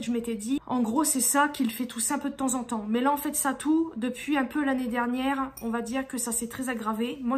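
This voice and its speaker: A woman's voice: a little high, a little mellow. A woman vlogging to her viewers in a casual, exasperated way, rambling with frequent restarts. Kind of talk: casual venting vlog.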